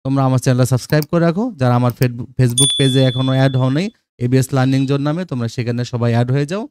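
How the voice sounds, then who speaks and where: A man teaching a grammar lesson to students, often checking with "okay?" and reading English examples out slowly. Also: medium pitch, noisy background.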